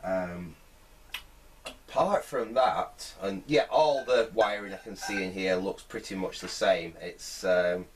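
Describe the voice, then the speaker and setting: A middle-aged man who restores vintage radios presents casual, hands-on repair commentary at an indoor workbench, hesitantly thinking aloud. His voice sits low and moves slowly, with a little hiss or hum in the recording.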